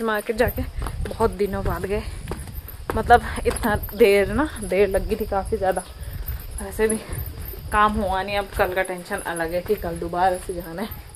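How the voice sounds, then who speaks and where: A woman's voice: mid-range voice, a little hiss or hum. A young woman, a mother, chatting casually to viewers in a home vlog, often adding little tag questions. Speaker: vlogger and mother. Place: home bedroom.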